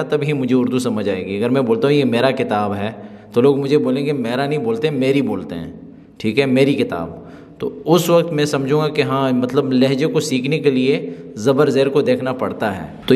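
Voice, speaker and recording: A man at a middle pitch gives a spoken-language lesson and repeats example sentences slowly for learners. His voice carries a long reverb from the room around him. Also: darkish tone. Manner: explains slowly, repeating phrases to drill them. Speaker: Arabic teacher.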